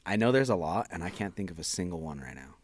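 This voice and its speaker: A man's voice: sits low, very animated, fast talker, dry recording. An American man co-hosting a podcast, dry and teasing in casual chat. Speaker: podcast co-host.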